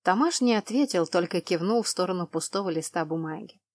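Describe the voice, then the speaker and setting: A woman narrating a novel in the first person in an even, measured way. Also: fairly low pitch, no echo, clean studio sound. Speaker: audiobook narrator.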